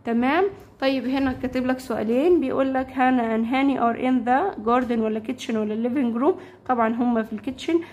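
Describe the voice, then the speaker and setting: A woman with an Egyptian Arabic accent gives a children's English lesson. Her voice sits high. She repeats each new word slowly and keeps checking that the pupils understand. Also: darkish tone, lo-fi sound. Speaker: primary school English teacher. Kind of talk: classroom lesson explaining vocabulary.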